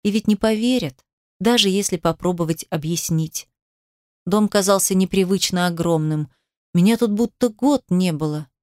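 A woman's voice: fairly low pitch, normal speed, a little mellow, no room sound. A woman narrating a first-person audiobook in an emotional, defiant tone, recorded on a close studio mic.

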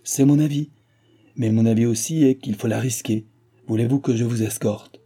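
Sardonic scheming viscount, read by a man, dark voice, husky edge. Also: medium pitch, steady tone, normal speed. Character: crafty vengeful viscount brother.

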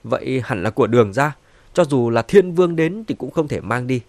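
A man's voice: medium pitch, expressive, fairly quick, a little mellow, no echo, natural voice. A man voicing a sneering, scheming grandmother. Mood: scornful. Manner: scornful, mocking. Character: sharp-tongued scheming grandmother, sneering and quick to anger.

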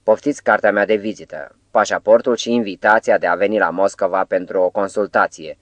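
A man voicing a calm, courteous and knowing foreign professor in an audiobook, speaking in a smooth, politely persuasive way. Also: fairly low pitch, no echo, natural voice.

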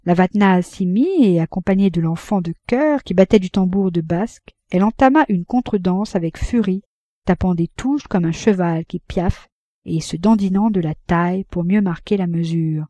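A woman reading a classic novel aloud as an audiobook narrator, measured and even. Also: fairly low pitch, no echo. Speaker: audiobook reader.

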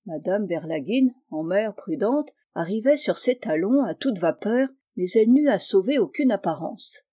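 A woman reads a classic novel aloud in a measured, expressive manner. Her voice is mellow and warm, with a mid-range pitch. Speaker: narrator. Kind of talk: audiobook reading.

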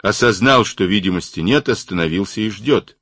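A man reads as a peacemaking polar driver in an audiobook. His very low voice moves widely in pitch, and the recording is dry. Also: expressive, normal speed, fairly bright tone, no echo. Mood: conciliatory. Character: conciliatory male polar driver. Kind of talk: audiobook reading.

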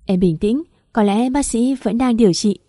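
Woman reading as a calm young husband. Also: on the high side, normal speed, no room sound, clean studio sound, close to an everyday voice.

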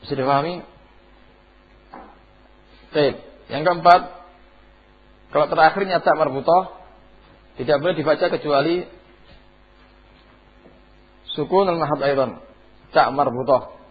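A man's voice: fairly high pitch, a little slow, pauses often, slightly rough. A man teaching Quranic recitation rules, asking his class questions and chanting the examples in between. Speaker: tajwid teacher. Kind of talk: classroom lesson with questions to students. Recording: dull lo-fi classroom tape.

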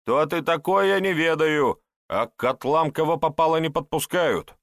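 A man voicing a suspicious, bossy estate man who mocks a newcomer and shouts orders. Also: on the high side, normal speed, no echo, studio quality, voice pushed up. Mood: mocking. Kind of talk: audiobook character voice.

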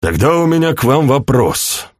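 A man voicing a shrewd, fatherly older chancellor in an audiobook, speaking in a calm, measured, persuasive way. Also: mid-range voice, no echo, studio quality, pitched above the performer's own voice. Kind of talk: audiobook character reading.

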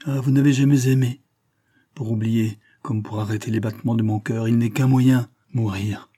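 A man's voice: medium pitch, fairly even intonation, normal speed, mellow, breathy edge, natural voice. A man reading the part of an anguished young man, a jilted lover who pleads in bitter despair. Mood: anguished, impassioned.

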